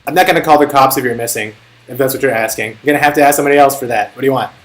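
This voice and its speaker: A man's voice: medium pitch, rapid-fire. A young man chatting casually on a live stream, telling a rambling, profane story as a tutor. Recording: faint music behind. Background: faint music.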